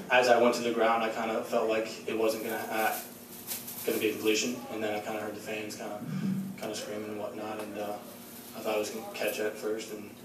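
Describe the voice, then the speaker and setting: A young man in his twenties answering questions at a post-game press conference, halting and self-critical with many fillers. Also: on the low side. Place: large echoey press room. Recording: echoey room, distant mic, background noise.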